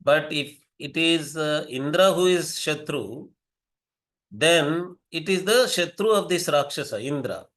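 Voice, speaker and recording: Older Indian-accented male lecturer, slightly high voice, methodical and self-correcting. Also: lively intonation, a bit bright. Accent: Indian English. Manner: measured, repeats and rephrases himself, fillers. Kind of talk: explanatory lecture.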